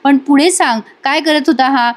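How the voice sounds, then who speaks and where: A woman's voice: sits high, moderate pace, lightly acted. A woman reading the lines of a firm, determined male doctor in a plain storytelling voice.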